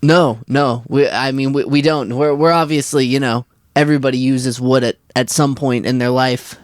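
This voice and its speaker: A man from Washington state co-hosts a casual podcast conversation in a parking lot near a van. His mid-range voice is clean and fairly even in intonation, captured in a dry recording. He rambles and halts, restarting his sentences often.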